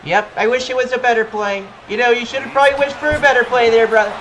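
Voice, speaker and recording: A man commentating his own football video game match with loud, cocky, playful trash talk. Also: very high-pitched, fairly even intonation, quick pace, rough recording. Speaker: gamer.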